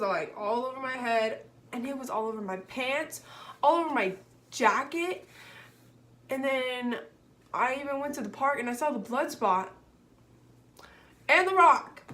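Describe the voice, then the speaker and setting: A young woman telling a personal story on her vlog in an animated, exasperated way, full of fillers. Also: on the high side. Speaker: vlogger.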